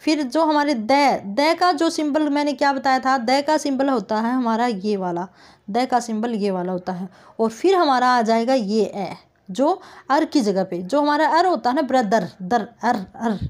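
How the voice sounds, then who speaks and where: A woman with a high, light voice teaches phonetic transcription in an online lesson. She explains each step patiently and checks in with her viewers often. She stretches out example words slowly so they can be heard clearly. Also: expressive. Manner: explains step by step, often says "thik hai friends".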